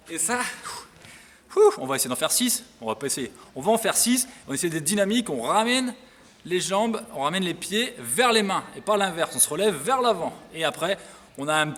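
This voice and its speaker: A man's voice: fairly high pitch, a bit bright, slight background noise. A man coaching a workout, explaining each exercise and counting repetitions while he demonstrates. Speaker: fitness coach. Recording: echoey hall, distant mic, music.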